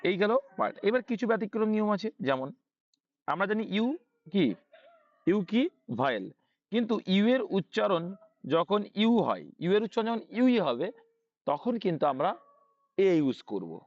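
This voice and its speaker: A man's voice: sits high, big pitch swings, normal speed, long pauses, no room sound, dull audio. A man with a Bangladeshi Bengali accent teaching English grammar, often asking a question and answering it himself and repeating key points. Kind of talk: online English grammar lesson.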